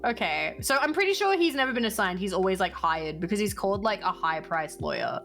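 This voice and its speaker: Woman, late twenties, streamer, casual rambling chat, lively pitch, soft music behind. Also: a little fast. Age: 20s. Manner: rambling, thinks aloud with many fillers.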